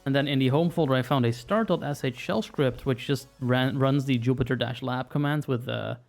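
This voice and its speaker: A man talks through a hands-on technical walkthrough at an ordinary middle pitch. His delivery is loose and conversational. He thinks out loud as he goes and fills the gaps with ums and uhs. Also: fairly quick, creaky, faint music behind. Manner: relaxed, rambling, thinks aloud with many fillers. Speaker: screen reader user presenting a tutorial. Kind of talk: casual walkthrough narration.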